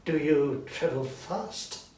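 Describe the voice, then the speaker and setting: A man performs a frightened old miser from a storybook, his voice high, agitated, trembling, pleading and excitable as he speaks slowly and anxiously. The mic sits a little way off in an echoey room, with background noise.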